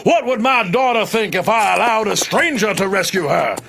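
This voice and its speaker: A man's voice: high voice, expressive, moderate pace, vocal fry, noisy background. An actor playing a pompous, self-important cavalry colonel who barks commands at his soldiers. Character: pompous bossy cavalry colonel, middle-aged man.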